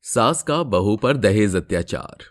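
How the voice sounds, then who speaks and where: Low-voiced man narrating a story. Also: expressive, unhurried.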